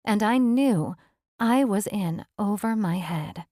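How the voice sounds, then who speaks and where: A woman's voice: medium pitch, expressive, slow, mellow, no room sound, clean studio sound. A woman reading a romance audiobook aloud, voicing the characters' lines lightly within her narration.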